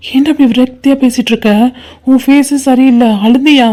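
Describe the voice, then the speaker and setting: A woman's voice: high voice, steady tone, moderate pace, darkish tone, natural voice. A woman voicing a loyal young man in a cartoon, consoling his best friend and scolding him with affection. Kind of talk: cartoon voice acting.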